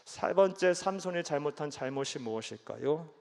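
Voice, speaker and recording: A man's voice: fairly high pitch, lively intonation, normal speed, vocal fry, darkish tone. A man preaching a sermon to his congregation, emphatic, acting out the voices of people in the story and asking the listeners questions. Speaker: pastor. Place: church sanctuary. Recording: long hall reverb.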